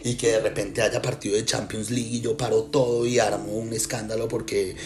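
A man from Colombia with a Colombian accent, a writer and lecturer musing in a casual, thoughtful way with many pauses and restarts. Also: lowish voice, little pitch movement, a little mellow, slight background noise. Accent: Colombian Spanish. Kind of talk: casual reflective talk. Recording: music clearly behind.

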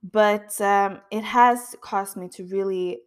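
This roughly thirty-year-old podcast host speaks slowly and earnestly in an introspective monologue about her own life. Her mid-range voice is clear and resonant, with fairly even intonation.

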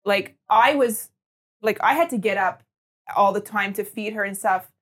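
A woman's voice: medium pitch, normal speed. A woman in casual chat, curious and asking eager follow-up questions.

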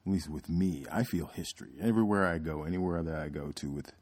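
A man hosting his podcast in a casual, reflective monologue, pausing often with ums and restarting sentences. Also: a bass voice, darkish tone. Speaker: podcast host.

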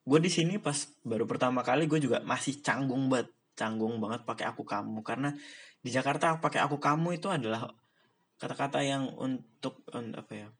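A man's voice: medium pitch, fairly quick, husky. A young man from Indonesia talking casually on his own, rambling in slang with frequent laughs. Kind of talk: casual monologue.

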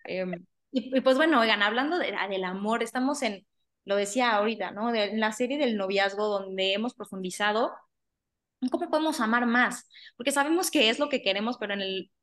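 A woman with a Mexican accent hosting a podcast, talking informally and haltingly, with repeated words and tag questions. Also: fairly high pitch, fairly bright tone. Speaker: podcast host. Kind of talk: casual conversational podcast introduction.

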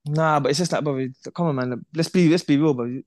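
Fast-talking young man, dry mic. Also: on the high side, dry recording. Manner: animated, repeats himself, peppers talk with "bruv" and "bro". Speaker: podcast co-host. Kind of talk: casual football chat.

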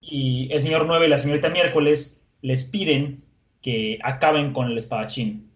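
Talk like a man retelling an episode to a friend, chatty and lively, pitch a bit high for a man. Let the fillers flow. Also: normal speed, highs cut off. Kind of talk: casual anime episode recap.

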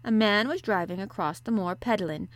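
A woman's voice: mid-range voice, moderate pace, lightly acted. A woman voicing a cheerful young housemaid from a storybook, chattering and exclaiming in Yorkshire dialect. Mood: proud, excited.

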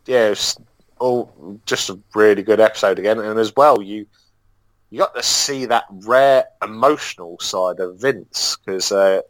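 A man co-hosting a podcast, chatting casually in a rambling, halting way. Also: fairly low pitch, no echo, low-quality recording. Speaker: podcast co-host. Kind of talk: casual review chat.

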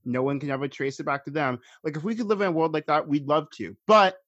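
Calm young man laying out his reasoning. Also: fairly high pitch, fast talker, dry recording, highs cut off. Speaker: podcast co-host. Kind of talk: casual podcast chat.

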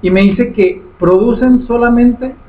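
A man telling a drawn-out anecdote in casual radio chat. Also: extremely high pitch, slight background noise. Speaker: radio show co-host. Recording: roomy, distant from mic, dull lo-fi sound.

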